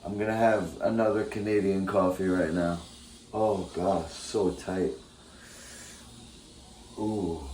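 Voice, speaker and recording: Low-voiced man talking with a swollen tongue. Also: fairly even intonation, slow, long pauses, a little mellow. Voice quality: slightly thick, impeded articulation. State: swollen, bitten tongue, talking as if something is in his mouth. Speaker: vlogger. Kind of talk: casual rambling morning vlog. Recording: roomy echo, faint background noise.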